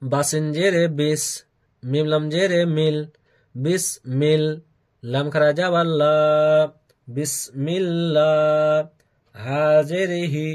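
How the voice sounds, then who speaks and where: A man teaching Quran reading, his voice sitting a little high for a man. He takes things very slowly, spelling each letter and vowel mark aloud before stretching the finished word into a chanted recitation. He repeats every word several times so learners can follow. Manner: slow, deliberate spelling of letters and vowel marks.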